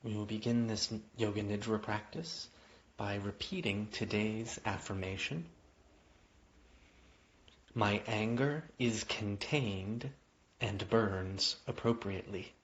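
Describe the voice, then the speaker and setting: A male yoga nidra guide leads meditation in a lower-pitched voice, with gentle, unhurried, invitational phrasing and long, lingering pauses. The recording is lo-fi, sounding slightly dull and muffled.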